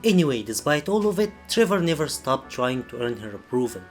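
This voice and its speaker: A man reading scripted video essay narration in a serious, measured storytelling manner. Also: mid-range voice, sing-song, over music.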